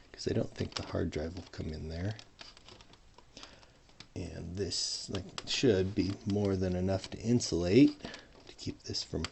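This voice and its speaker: A man's voice: low-pitched, gravelly, darkish tone, a little hiss or hum. A man casually narrating his hobby electronics work in a dry, sarcastic way, talking to himself as he tinkers at a home workbench. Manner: dry, sarcastic, muttering to himself while working. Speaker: hobbyist modder.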